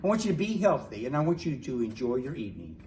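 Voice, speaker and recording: A man's voice: mid-range voice, big pitch swings, fast talker, a little mellow, a little hiss or hum. A male pastor closing a church livestream with announcements and well-wishes. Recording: echoey church room, distant mic.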